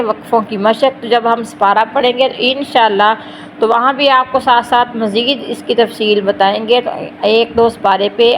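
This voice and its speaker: Woman teacher spelling out syllables slowly. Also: fairly high pitch, slight background noise, poor audio. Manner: spells syllables slowly, then joins them; explains quickly between drills. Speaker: Quran reading teacher. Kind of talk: slow letter-by-letter recitation lesson.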